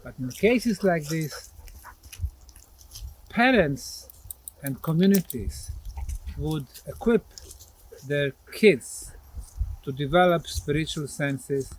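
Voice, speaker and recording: This higher-pitched man speaks slowly but with lively intonation, giving an explanatory talk to camera as a presenter and researcher. He stands outdoors at a grassy mound site. The audio is poor, with clear background noise from the outdoor location.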